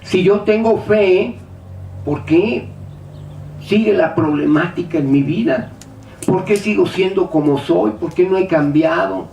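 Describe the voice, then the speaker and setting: A man preaching a sermon in a high, bright register, heard from some way off the microphone. He keeps firing rhetorical questions and acts out the doubts of his listeners. The church hall echoes around him, with a faint room hum behind. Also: a little slow, creaky, highs cut off. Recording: echoey hall, speaker far from mic.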